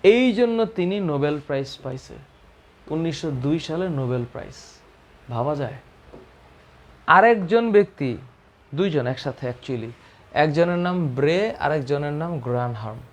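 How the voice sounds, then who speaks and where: Male biology teacher, slightly high pitch; patient, repetitive quiz-style explaining. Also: expressive. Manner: explains slowly, repeats key terms, asks and answers own questions. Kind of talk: biology lesson to students.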